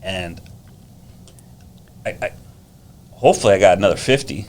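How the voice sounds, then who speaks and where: A man's voice: sits low, lively intonation, moderate pace, darkish tone, slight background noise. Chatty fifty-something man telling stories. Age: 50s. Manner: chatty storyteller with a gift of gab. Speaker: teacher and driving instructor. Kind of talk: casual podcast conversation.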